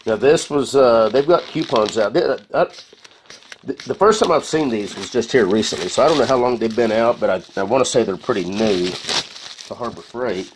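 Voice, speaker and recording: A man with a mid-range voice talks at normal speed while casually reviewing a tool, filming on a handheld phone. He's a home mechanic in his concrete-floored garage, and there's slight background noise. His talk is folksy and meandering, full of fillers.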